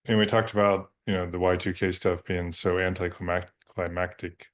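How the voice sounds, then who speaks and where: Very deep-voiced wry man. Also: little pitch movement, normal speed. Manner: wry, self-deprecating, laughs easily. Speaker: podcast co-host. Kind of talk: casual chat.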